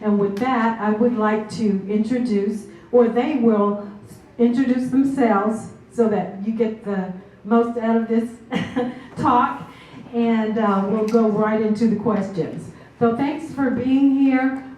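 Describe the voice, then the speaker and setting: A woman's voice: on the high side, steady tone, slow pace, a little mellow. A woman moderating a seminar, chatty, with many fillers and restarts, recorded from far off in a meeting room. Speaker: event moderator. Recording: very echoey room from far off, faint noise.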